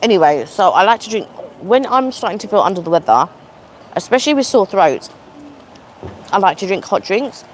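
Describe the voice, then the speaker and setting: Woman, sore throat, rambling casual livestream chat, talking between bites, faint traffic behind, mid-pitched. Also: very animated, normal speed, pauses often. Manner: chatty, rambling, eating while talking. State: sore throat, coming down with a cold. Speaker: livestream vlogger. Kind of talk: casual live chat with viewers. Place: outdoor seating at a shopping outlet. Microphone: phone livestream.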